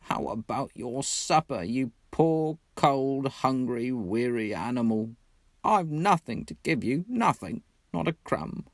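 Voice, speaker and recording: A man's voice: mid-range voice, lively intonation, slow pace, dry recording, studio quality, voice pushed up. A man voicing a doleful, self-reproaching male mole in a storybook, moaning dismally in a put-on British accent. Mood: moaning despair.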